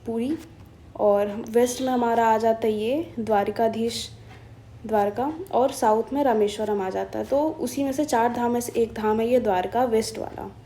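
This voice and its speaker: A woman from India walks exam students through a newspaper. Her voice sits a little high, with a soft, mellow tone. She chats her way through each point, slipping into English phrases and pausing to search for the right word. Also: a little hiss or hum. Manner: chatty and explanatory, mixing in English phrases; thinks aloud with hesitations and self-corrections. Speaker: current-affairs teacher.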